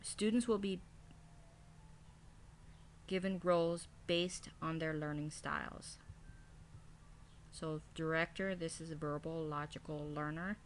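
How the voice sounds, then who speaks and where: Low voiced lady teacher reading thru her lesson plan kinda haltingly, bit of background noise. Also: steady tone. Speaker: kindergarten teacher.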